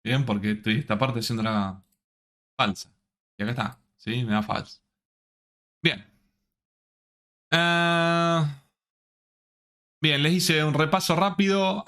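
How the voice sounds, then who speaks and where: A man teaching a programming class online. He speaks slowly and deliberately, with a voice of middling pitch, and keeps checking that the students are following along. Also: fairly bright tone. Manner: slow, checks in often with the students.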